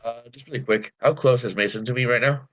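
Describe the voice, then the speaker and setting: A man in a tabletop game who cuts in with quick, casual questions. His mic sounds dull and lo-fi. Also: mid-range voice. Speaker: player.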